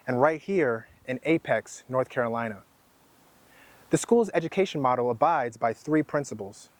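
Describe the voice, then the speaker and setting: Man hosting an interview, slightly high voice. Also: dry recording. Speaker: podcast host. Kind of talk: scripted intro then interview. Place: school building.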